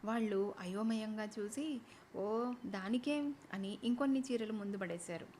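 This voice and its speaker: A woman storyteller narrating a humorous tale in the first person, with a lively telling. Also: medium pitch, normal speed, a little hiss or hum.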